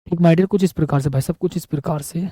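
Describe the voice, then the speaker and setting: High-voiced man teaching physics. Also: fast, dark tone, no echo, poor audio. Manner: affectionate, repetitive, calls students buddy. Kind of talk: board lecture.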